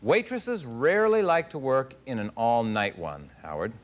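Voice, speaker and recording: A man's voice: mid-range voice, faint music behind. A man hosting a TV game show in a studio, bantering playfully with celebrity contestants and reading clues. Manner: lively, playful, quick banter. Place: TV studio with live audience.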